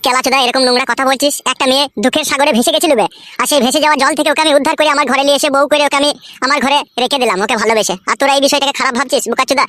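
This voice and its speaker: A rapid-fire, foul-mouthed young husband in a comedy cartoon, voiced by a woman. He is hot-tempered and indignant, and his voice is pitched high for a man. The sound is close and dry. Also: pushed and bright, dry recording. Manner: swears constantly, indignant.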